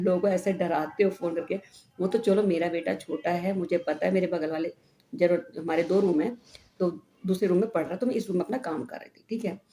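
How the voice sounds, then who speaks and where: A middle-aged woman vlogger from India, telling a story in a chatty, animated way and often asking "हैं?". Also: fairly low pitch. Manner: chatty, animated retelling with frequent "हैं?" tags. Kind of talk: casual vlog storytelling. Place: home room. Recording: echoey room with faint background noise.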